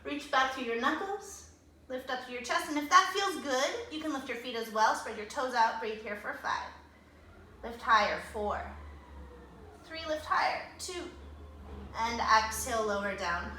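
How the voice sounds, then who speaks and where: A woman yoga instructor guiding a class at home, calmly cueing breaths and poses with encouragement. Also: on the high side, moderate pace, a little hiss or hum. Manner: calm, encouraging breath counting. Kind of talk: guided yoga class cues. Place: home room, traffic outside. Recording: echoey room, mic far off.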